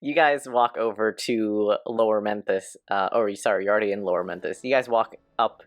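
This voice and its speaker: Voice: medium pitch, brisk, dry recording, studio quality. The game master of a tabletop game, narrating scenes and rulings with a playful manner and frequent laughter.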